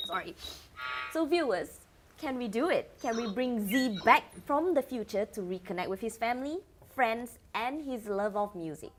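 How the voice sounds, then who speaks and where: A woman's voice: fairly high pitch, animated, a little slow, soft background music. A woman playing a glib, vain male talk-show host in a scripted satire, wisecracking and stammering. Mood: flustered.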